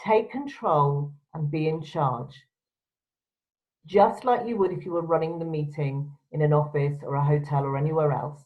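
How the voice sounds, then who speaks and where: A female presenter speaks to camera with a low-pitched voice at normal speed, giving instructional advice firmly, directly and emphatically. The audio is dull and lo-fi.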